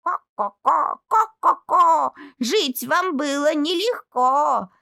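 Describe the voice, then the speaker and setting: Brief: a woman playing a clucking, nosy storybook hen, pitched high and slowed down for effect. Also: animated, sharp tone, dry recording, studio quality, full character voice. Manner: clucking, sympathetic. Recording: clear music underneath.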